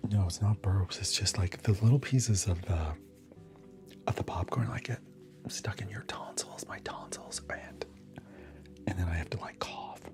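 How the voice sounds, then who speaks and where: A low-voiced man keeps almost everything in a soft, breathy whisper as he hosts an ASMR livestream. He chats easily and replies to viewer comments one by one, with clear music playing behind him. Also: moderate pace. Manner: chatty, answers viewer comments aloud between snacks.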